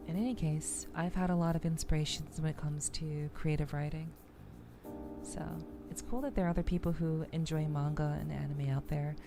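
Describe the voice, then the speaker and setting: A woman VTuber streams casual chat to her live audience, often repeating words as she thinks aloud. She speaks at a moderate pace in a low-pitched voice with fairly even intonation, over music.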